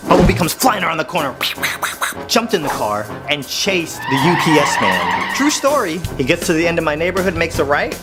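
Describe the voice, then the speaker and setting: A man telling comedic stories in an animated, exaggerated way, speaking straight to the viewers. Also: a little high, fairly quick, loud music behind the voice. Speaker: comedian storyteller. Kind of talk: comedic storytelling monologue.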